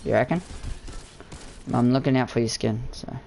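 A man's voice: medium pitch, steady tone, moderate pace, vocal fry, a little mellow, slight background noise. A young man chatting casually on a gaming live stream in a slangy, laid-back, matey, sweary way.

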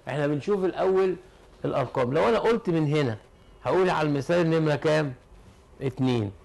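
Gravelly, fast-talking Egyptian teacher. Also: male voice, on the high side, a little mellow. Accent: Egyptian Arabic. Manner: explains step by step, asks and answers his own questions. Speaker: chemistry teacher. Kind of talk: classroom lesson.

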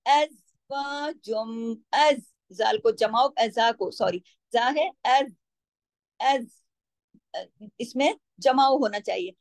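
High, dry-voiced female recitation teacher; patient explainer who slows into drawn-out demonstrations. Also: animated, no room sound.

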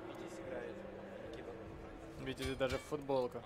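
A man's voice: medium pitch, flat delivery, unhurried, very noisy. A man giving live commentary on a fighting game match as an esports commentator.

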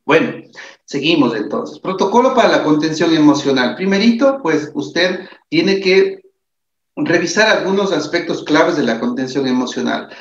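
A man's voice: fairly high pitch, lively intonation, normal speed. Tired-voiced man teaching, echoey room. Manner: earnest, repeats himself, asks "¿de acuerdo?". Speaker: psychologist giving a lesson. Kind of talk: recorded lecture over slides. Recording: echoey room, dull lo-fi sound.

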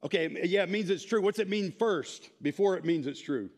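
A man in his thirties teaching a church class in an animated, informal way, quizzing the group. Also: high-pitched, normal speed. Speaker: Bible teacher. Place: church sanctuary, speaking to a small audience.

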